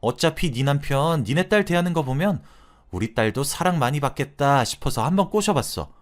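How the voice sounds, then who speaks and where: A man's voice: a little high, lively intonation, brisk, pitched above the performer's own voice, natural voice. A man voicing a jealous, defensive woman friend in her thirties who protests indignantly and pities herself. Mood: defensive, bitter. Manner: indignant, self-pitying outbursts.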